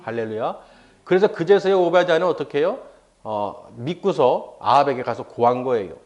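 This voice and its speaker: A man's voice: medium pitch, lively intonation, moderate pace, darkish tone, highs cut off. A male pastor giving a sermon. He tells the story with acted-out dialogue and asks the congregation questions.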